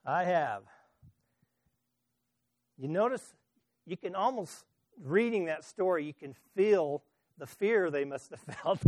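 Man, pastor, sermon, high voice, dry sound, loud-soft swings, questions to the crowd. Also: expressive, slow, pauses often, no room sound. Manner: dramatic swings between loud emphasis and soft asides; asks the congregation questions.

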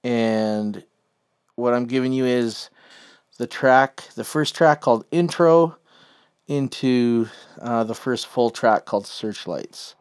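A man with a western Canadian accent casually introducing music as a show host, rambling and halting as he goes. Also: medium pitch, darkish tone, clean tone. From Chilliwack, British Columbia, Canada.

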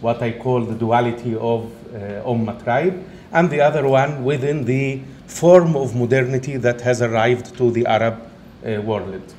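A man's voice: mid-range voice, darkish tone. Egyptian-accented male lecturer in an echoey room. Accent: Egyptian, with some Italian. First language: Arabic. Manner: halting non-native English phrasing. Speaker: guest speaker, professor. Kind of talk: academic lecture to an audience. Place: indoor event room, talk being filmed. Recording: roomy echo, faint background noise.

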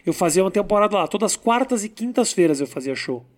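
A man, a comedian, chatting in a casual interview, talking slowly and deliberately with pauses. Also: high-pitched, animated.

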